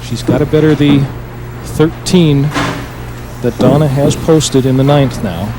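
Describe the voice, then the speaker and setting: A man giving measured, analytical bowling commentary in the restrained manner of a golf commentator. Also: medium pitch, fairly even intonation. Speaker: five-pin bowling colour commentator. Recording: noisy bowling alley broadcast.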